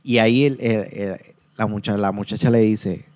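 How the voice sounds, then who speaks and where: A man's voice: lowish voice, steady tone, normal speed, a little mellow. A man, hosting a podcast and talking through a book review in an earnest, casual way, often repeating and restarting his words. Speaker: podcast host.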